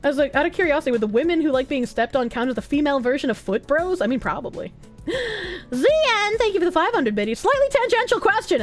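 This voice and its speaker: A woman with a Boston accent hosting a livestream, chatting casually and bawdily with her viewers, joking and swearing freely. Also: sits high. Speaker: livestream host.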